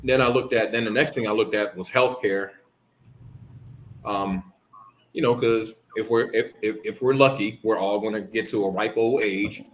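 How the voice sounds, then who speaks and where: A man's voice: on the low side, steady tone, normal speed, poor audio. A man from the Bahamas hosting a casual chat, talking in a rambling way with lots of restarts. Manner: rambling, many restarts and fillers. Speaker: host.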